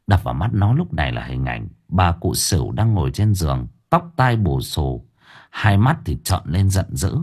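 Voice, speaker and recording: A man narrating a dark storybook tale in a measured, suspenseful way. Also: low-pitched, breathy edge. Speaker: audiobook narrator.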